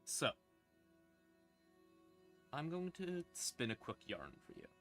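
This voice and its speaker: A livestreaming storyteller mixes rambling chat with atmospheric second-person horror narration, speaking casually and with self-deprecation. His medium-pitched voice swoops wildly, moves slowly, and is a bit bright with vocal fry, set against creepy ambient music.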